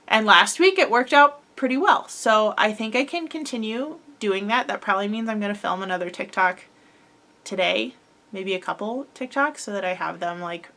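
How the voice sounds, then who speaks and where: A young woman hosting a crochet podcast chats casually about her projects, sounding slightly stuffy from a head cold. Her mid-range, slightly bright voice rambles along, with pauses filled by plenty of "um" and "like".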